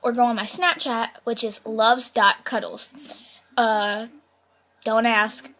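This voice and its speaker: Unhurried chatty woman vlogger. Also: fairly high pitch, steady tone, fairly bright tone. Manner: chatty, loose, full of fillers like "like" and "kinda". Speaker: YouTuber. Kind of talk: casual storytelling vlog.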